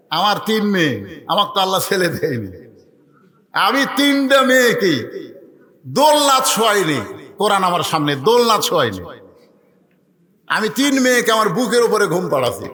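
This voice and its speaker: High, bright-voiced male preacher. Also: big-room sound. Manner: shifts from soft storytelling to shouted climaxes. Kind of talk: Bengali waz sermon with storytelling.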